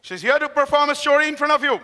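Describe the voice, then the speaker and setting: A man announcing speakers on stage at a business event, speaking in polite, formal phrases with pauses and restarts. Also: very high voice, sharp tone. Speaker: event emcee. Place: large event hall. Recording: reverberant hall with faint music.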